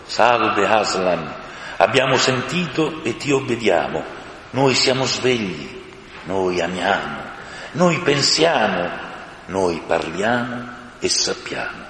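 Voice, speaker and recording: Man doing a chanting animal crowd, lively pitch, roomy echo. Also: takes it slowly, exaggerated voice. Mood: fervent. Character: chorus of newly awakened talking animals. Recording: reverberant room with faint hiss.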